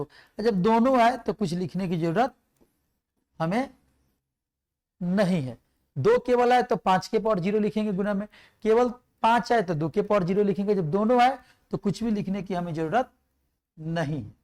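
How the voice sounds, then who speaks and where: Methodical male math teacher. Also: high-pitched. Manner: explains step by step, asks and answers his own questions; recites numbers and multiplication tables aloud. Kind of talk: exam-prep math lesson.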